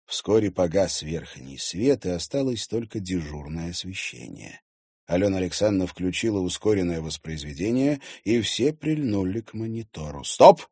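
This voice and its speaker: A man narrating an audiobook with expressive storytelling reading. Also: fairly low pitch, husky, dry recording, clean studio sound. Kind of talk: scripted narration.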